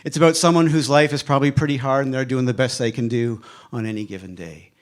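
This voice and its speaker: A man's voice: mid-range voice, fairly even intonation. Emphatic man giving a motivational speech. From Canada. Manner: emphatic, repeats a refrain, dramatic pauses. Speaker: speaker at a live evening event. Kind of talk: motivational speech to a live audience.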